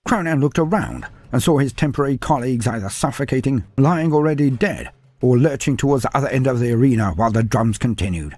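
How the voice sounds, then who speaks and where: With no room sound and faint music underneath, a man narrates a dramatic fantasy tale. His delivery is theatrical, deliberate, and full of animated swoops, carried by a slightly husky voice.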